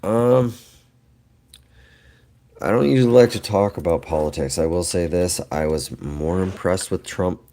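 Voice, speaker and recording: This middle-aged livestream host, dealing with allergies that make his voice lower than usual, talks in a deep, warm tone, a little slowly and with long pauses. He rambles casually with viewers and laughs often.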